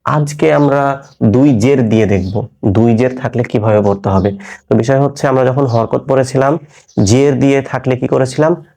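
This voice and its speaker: A man's voice: medium pitch, gravelly, warm tone. Patient man teaching Quran letter sounds. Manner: slow, patient, spells out each letter sound. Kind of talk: recorded lesson.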